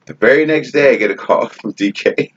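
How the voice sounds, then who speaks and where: A man's voice: medium pitch, brisk. A man co-hosting a podcast, telling a story in casual chat, profane and often laughing. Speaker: podcast co-host. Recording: dull lo-fi podcast audio.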